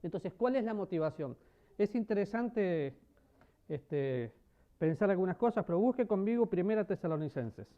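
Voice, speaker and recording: A man preaching a sermon, asking the congregation questions and swinging between loud emphasis and soft, low passages. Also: expressive, moderate pace. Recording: dull lo-fi sermon recording.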